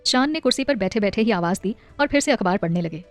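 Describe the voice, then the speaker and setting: A woman narrating a scripted audio story in a steady storytelling manner. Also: medium pitch, fast, dry recording, faint music behind.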